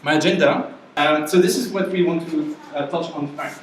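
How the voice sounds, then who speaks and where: This man's voice is on the high side, steady in tone and brisk as he, a French-accented workshop instructor, presents casually to a live class and checks in with them often. A far-off mic in an echoey room captures him with slight background noise.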